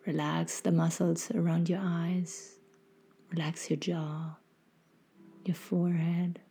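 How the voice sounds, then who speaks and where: A woman hosts a guided meditation in a mellow, slightly low voice. She speaks very slowly and softly, with a gentle, soothing manner and little rise or fall. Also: flat delivery, husky. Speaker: podcast host and meditation guide.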